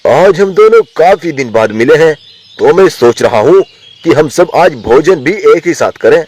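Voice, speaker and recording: A man's voice: on the high side, expressive, measured pace, a little mellow, breathy edge. A man voicing a scheming cartoon lion villain. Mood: friendly. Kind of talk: animated storybook voice acting.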